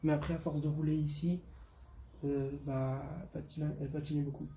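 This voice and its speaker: Chatting briskly to his viewers, a 15-year-old boy from Portugal presents his motorbike in a fairly high, mellow voice with fairly even intonation. His unscripted talk is full of slang and emphatic repetition. There's background noise, but the recording is clear.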